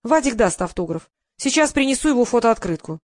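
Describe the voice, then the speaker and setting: A woman reading the lines of a sharp, scornful female press secretary in an audiobook. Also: a little high, sing-song, brisk, no room sound, clean studio sound. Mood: mocking. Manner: sarcastic and scornful.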